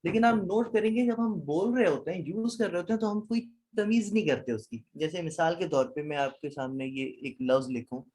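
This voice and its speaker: A man's voice: sits high, few pauses, darkish tone. Man teaching an Arabic class. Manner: quizzes students, mixes English words. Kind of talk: classroom lecture.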